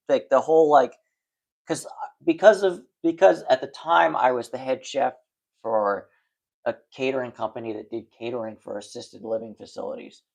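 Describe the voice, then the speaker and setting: Late at night, a man with a creaky, medium-pitched voice livestreams and chats casually and frankly with his viewers. A stutter makes him repeat words and restart sentences, so his talk rambles along full of fillers and restarts.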